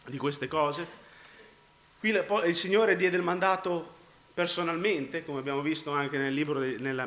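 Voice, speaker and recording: A man preaching a sermon, congested and often clearing his throat, swinging between loud emphasis and low, quiet phrases and repeating his words. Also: roomy sound.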